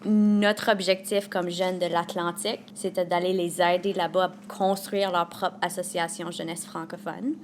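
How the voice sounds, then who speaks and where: A woman's voice: lowish voice, level tone, moderate pace, hardly any pauses, a little hiss or hum. A woman from northern New Brunswick giving an earnest, reflective personal testimony. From northern New Brunswick, Canada.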